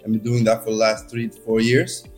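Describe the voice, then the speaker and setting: A man's voice: on the low side, completely flat delivery, fairly quick, a little mellow, faint music behind. A man in his thirties from Norway, a podcast guest talking casually with many fillers. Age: 30s. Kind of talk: casual conversation.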